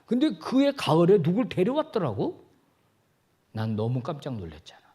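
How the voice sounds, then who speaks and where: Male pastor, sermon delivery; higher voice with wide swings, playful, acts out dialogue. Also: normal speed, husky. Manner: animated, jokey, acts out dialogue. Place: church sanctuary.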